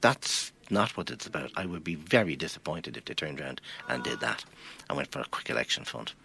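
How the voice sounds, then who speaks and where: A man's voice: deep voice, very animated, brisk, gravelly, sharp tone, a little hiss or hum. An Irish man, a financial planner guest, arguing his points emphatically with rhetorical questions in a studio interview.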